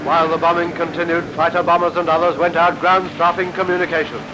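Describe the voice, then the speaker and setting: A man narrating a 1940s newsreel in a brisk, declamatory announcing manner, with the sound of an old newsreel. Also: on the high side, flat delivery, very noisy. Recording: dull lo-fi 1940s newsreel soundtrack under loud music.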